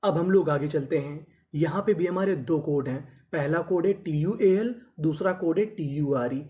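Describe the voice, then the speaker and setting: Man, English teacher, mellow warm tone, repeats his own questions and answers, slow letter-by-letter sounding out. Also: a little high, lo-fi sound. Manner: asks questions and answers them himself, drilling by repetition; sounds out letters slowly, then blends them into words. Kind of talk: phonics lesson for Hindi speakers.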